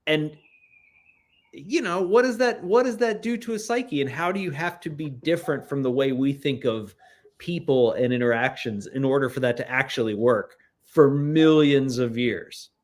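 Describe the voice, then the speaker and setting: Male guest, middle-pitched, rambling musing talker, casual. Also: moderate pace. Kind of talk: casual chat.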